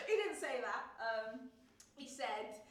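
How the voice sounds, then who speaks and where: A wry, lovestruck young graduate with a high voice, on stage. She lingers on her words and mocks herself with dramatic flair. The sound is roomy and heard from far off in a theatre. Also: background noise, heavily acted. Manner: dramatic, self-mocking, laughing between lines. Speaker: stage actress performing a monologue. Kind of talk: theatrical monologue.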